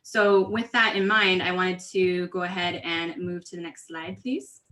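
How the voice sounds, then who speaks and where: Bright, earnest woman speaking on a webinar. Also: on the low side, steady tone, unhurried. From California, US. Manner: earnest, conversational, many fillers and restarts. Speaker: diversity and inclusion coach, panelist. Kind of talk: webinar panel talk.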